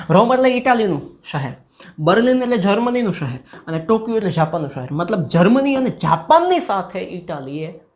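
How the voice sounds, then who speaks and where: A man teaching a school history chapter, lively, asking students questions and acting out quotes. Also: fairly high pitch.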